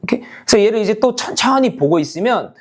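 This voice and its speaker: A man gives students a math lesson in a high-pitched, expressive voice at a quick pace. He goes step by step, repeats key points, checks constantly that the class understands, and alternates between casual and polite speech.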